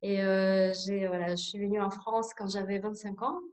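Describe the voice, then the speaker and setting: A woman's voice: medium pitch, level tone, normal speed, a little mellow. A woman in her forties with a Russian accent, leading an introductory sophrology workshop in French and explaining things with many hesitant fillers. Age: 40s. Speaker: sophrology instructor.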